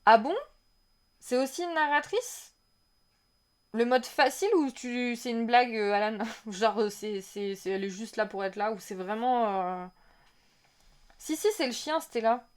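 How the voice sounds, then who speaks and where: During a casual live-stream reaction, a woman with a fairly high voice walks through a game trailer at a moderate pace, pausing often and speaking directly to viewers. She rambles, starts over, reads their chat out loud, and gets excited whenever something new pops up on screen.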